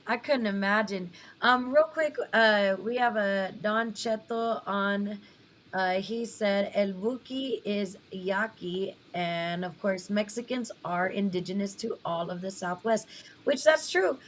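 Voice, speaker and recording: A woman's voice: mid-range voice, a little slow, a bit bright, a little hiss or hum. A woman radio host with a twangy West Texas drawl, chatting casually and giggling often. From West Texas, United States. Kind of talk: casual interview chat.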